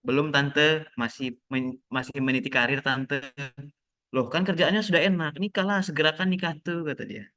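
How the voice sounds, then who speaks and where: A man's voice: a little high, normal speed, pushed and bright, muffled recording. A young man, a lecturer, teaching a casual online class over a video call, joking and acting out the nosy questions of relatives.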